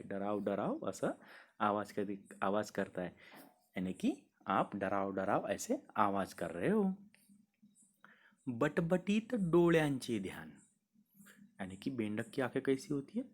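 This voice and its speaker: Slow-speaking male teacher reciting a poem. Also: lowish voice, sing-song. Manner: chants verses slowly in a sing-song rhythm, then explains plainly; mixes Marathi explanation with Hindi repetition. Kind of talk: school poetry lesson, recited then explained.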